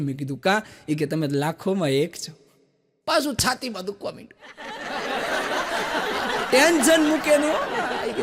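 High-voiced Gujarati comedian telling jokes. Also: male voice. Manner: chatty storytelling with asides to the audience. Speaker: stand-up comedian. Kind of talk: Gujarati stand-up joke telling. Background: audience laughter.

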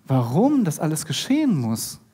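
A male pastor delivering a sermon in the manner of a vivid storyteller. His pitch swings widely up and down, and his voice has a slightly husky edge. He turns often to address his listeners directly. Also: wildly swooping pitch, normal speed, dark tone.

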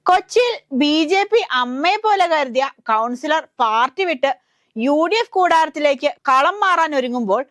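Woman, Malayali accent, scripted news narration, wry satirical delivery, high-pitched, dry studio sound. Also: a bit bright, dry recording.

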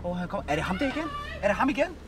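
A man's voice: high-pitched, big pitch swings. A young man hosting a vlog from inside a car, joking and teasing in brash, slang-heavy casual talk. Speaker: vlogger host. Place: inside a car at a drive-through attraction. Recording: noisy in-car recording.

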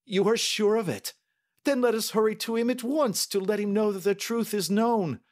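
A man doing a grief-stricken old banker who talks in high, strained, pleading bursts and breaks into frantic questions. It is an audiobook-style reading with a light, somewhat high voice. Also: expressive, measured pace. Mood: desperate. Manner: pleading and overwrought. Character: distraught older male banker, grief-stricken, excitable.

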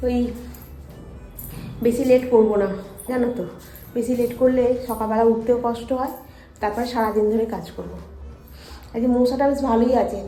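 A chatty woman talks her viewers through her day at home, her voice a little high and mellow. She keeps checking in with the audience as she goes. The room rings with echo, and faint music plays underneath. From India. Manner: chatty, keeps turning to viewers with "you know". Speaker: daily vlogger. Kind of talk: casual vlog narration. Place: home kitchen, indoors.

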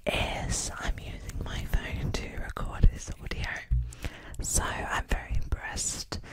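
A young woman whispering breathy ASMR close to the microphone, often repeating words and phrases. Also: takes it slowly. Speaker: ASMR video host.

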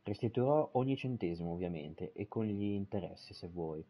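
Man, casual swearing, stumbly reads, husky, muffled mic. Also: deep voice, animated, moderate pace. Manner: swears casually, stumbles over words while reading. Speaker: streamer playing a game. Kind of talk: live gameplay commentary and reading in-game texts aloud.

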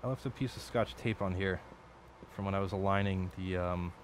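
Man, lowish voice, casual workbench talk, rambling, profane, late-night home build, faint background hiss. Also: fairly even intonation, fairly quick. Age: adult. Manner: rambling, profane, self-correcting. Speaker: electronics hobbyist streamer.

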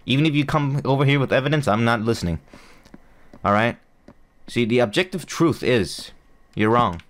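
A young man with a mid-range, expressive voice talks at normal speed over his gameplay. English isn't his first language, and as a gaming YouTuber he rambles through the commentary, teasing himself and frequently using fillers and starting over.

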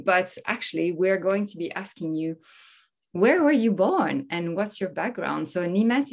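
A woman in her thirties hosting an online talk show from a home office. She sounds upbeat and welcoming, speaking into a laptop webcam on a video call. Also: medium pitch. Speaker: host.

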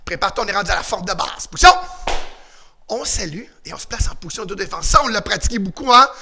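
A man teaching a karate class for children on video, shouting commands and leading call-and-response drills. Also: sits high, lively intonation, rapid-fire, vocal fry, noisy background. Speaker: karate and kickboxing instructor.

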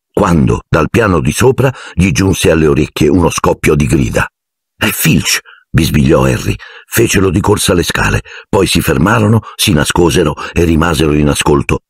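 A man narrating an audiobook in an expressive storytelling manner. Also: sits low, breathy edge, dry recording, studio quality.

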